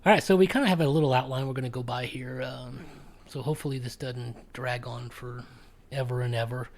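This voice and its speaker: A man's voice: medium pitch, fairly even intonation, a little fast. Male podcast host, casual chat, hesitant delivery with frequent fillers. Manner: hesitant, full of ums and restarts.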